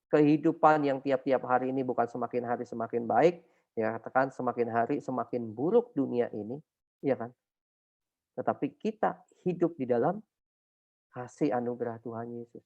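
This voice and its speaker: An older man, a pastor, preaching a casual, story-filled sermon, swinging between loud and soft. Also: gravelly. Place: church. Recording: dull low-fi online service recording.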